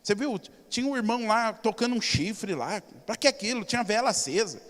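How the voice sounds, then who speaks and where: Brazilian male pastor, high voice, emphatic storyteller, church hall reverb. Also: expressive, a little fast. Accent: Brazilian Portuguese. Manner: emphatic, storytelling, swings between loud and soft. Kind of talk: sermon.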